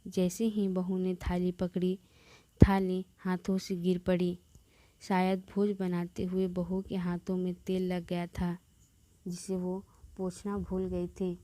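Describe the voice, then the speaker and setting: A woman narrating a family story in a calm, unhurried storytelling manner, reading out the dialogue too. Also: fairly low pitch, dry recording.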